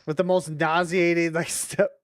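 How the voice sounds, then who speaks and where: A woman with a fairly low, flat voice talks at a moderate pace while streaming a video game. Her casual live commentary is packed with exasperated swearing and exclamations.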